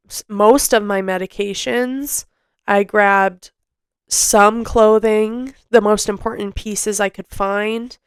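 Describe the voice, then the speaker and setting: A young woman podcaster tells a personal story slowly and haltingly, often restarting her sentences as emotion rises. Her voice comes through smooth and clear, recorded close and dry with no room sound. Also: medium pitch, dry recording. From Canada. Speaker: podcast host.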